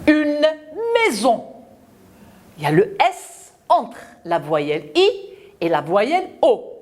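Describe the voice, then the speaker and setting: A woman teacher walks young pupils through a French lesson at an unhurried pace. Her pitch rises and falls in a lively sing-song, and she stretches and repeats each word and sound for the children. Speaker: primary school teacher.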